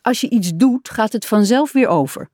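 A woman's voice: on the high side, lively intonation, moderate pace, darkish tone, no echo, clean studio sound, pitched above the performer's own voice. A woman reading aloud and voicing a cheerful, helpful male rat in a storybook. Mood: upbeat. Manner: upbeat and encouraging.

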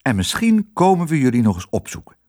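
A man's voice: mid-range voice, huge pitch swings, a little fast, darkish tone. A man voicing an eager young girl in a storybook reading.

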